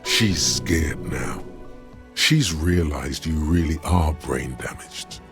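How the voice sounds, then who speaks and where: A man's voice: rumbling low, takes it slowly, gravelly, faint music behind, heavily acted. A man voicing a brooding male inner voice that narrates a detective's thoughts, solemn and theatrical, from a video game.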